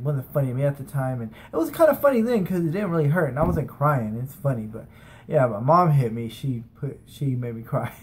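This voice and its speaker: The speaker is an American in his thirties, from San Francisco and Las Vegas, casually rambling through anecdotes as if vlogging. His mid-range voice has a darkish tone. A webcam or camera at desk distance captures him indoors in a small bedroom.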